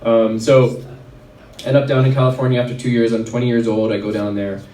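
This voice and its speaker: Speaking at a wellness event venue, a male chiropractor from Red Deer, Alberta, rambles through a personal story full of fillers. He has a warm, mid-range voice with a level tone and brisk pace. The distant mic captures roomy sound and a little hiss or hum.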